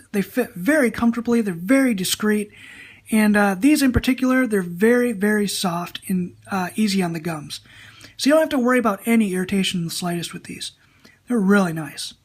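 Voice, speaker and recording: A woman's voice: medium pitch, normal speed, slightly rough. A woman giving a casual video product review, talking straight to viewers.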